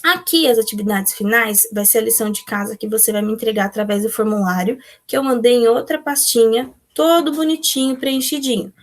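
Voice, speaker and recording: Brazilian woman teacher, young adult, patient and methodical, voice a bit high. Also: fairly quick, few pauses. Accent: Brazilian Portuguese. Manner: patient, explains step by step, answers pupils' imagined questions. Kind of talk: remote class walkthrough of textbook exercises.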